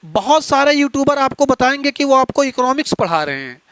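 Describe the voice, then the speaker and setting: A man's voice: extremely high pitch, sing-song, a little fast, a bit bright, dry recording. A man teaching an exam-prep lecture, explaining step by step and asking rhetorical questions of his students. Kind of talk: classroom lecture.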